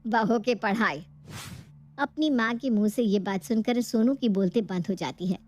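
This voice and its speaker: A woman narrating a cartoon moral story in an even storytelling manner. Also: mid-range voice, normal speed.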